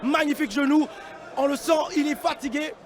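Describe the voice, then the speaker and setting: A man giving live combat sports commentary in an excitable, exclamatory manner. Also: very high voice, a little fast, some chatter behind. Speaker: fight commentator.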